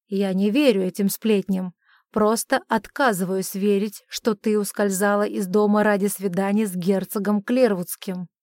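A woman's voice: medium pitch, steady tone, moderate pace, no echo, clean studio sound, close to an everyday voice. Woman reading as a furious accusing father. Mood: stern. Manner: accusing, shouting. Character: stern furious middle-aged father.

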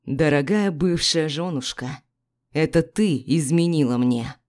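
A woman's voice: sits low, unhurried, a little mellow. A woman reading the lines of a cold, powerful man who threatens his ex-wife, clipped and icy. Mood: icy menace.

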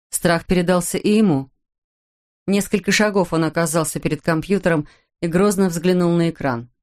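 A woman reading an audiobook in a measured, dramatic narration. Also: fairly low pitch, a little mellow. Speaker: audiobook reader. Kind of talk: scripted narration.

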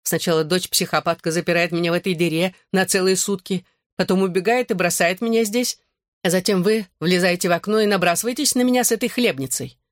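A man reading an audiobook who voices a paranoid, furious woman around forty, with a shrill, hostile and suspicious delivery. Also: quick pace, dry recording, clean studio sound, close to an everyday voice.

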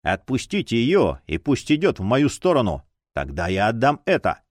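A man's voice: medium pitch, huge pitch swings, normal speed, dry recording, clean studio sound. A man voicing a stubborn male detective who speaks tensely and pleads, read as part of an audiobook. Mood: bargaining.

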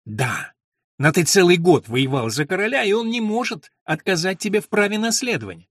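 A man's voice: high-pitched, expressive, brisk, dry recording, studio quality, pitched above the performer's own voice. A man voicing a calculating, commanding noblewoman who coaches her son, in a firm, instructive manner. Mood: scheming.

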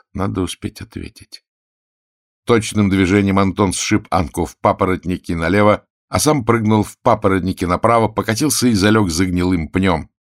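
A man reads a story aloud in a steady, measured way. His voice is deep and low. The recording is dry and close, with no room sound. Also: no echo. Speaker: narrator. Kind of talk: audiobook narration.

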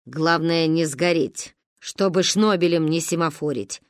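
A woman's voice: medium pitch, big pitch swings, normal speed, a bit bright, no echo, studio quality. A woman voicing a stern elderly grandmother who grumbles and lectures.

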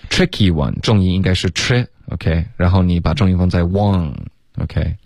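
A man coaching English pronunciation on a radio lesson, patiently correcting sounds and demonstrating them slowly. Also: deep voice, creaky, a little mellow, no echo, studio quality. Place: radio studio.

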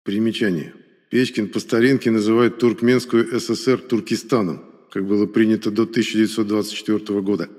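A man reading a first-person story aloud as audiobook narrator, in a measured, even way. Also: on the low side, dry recording, studio quality.

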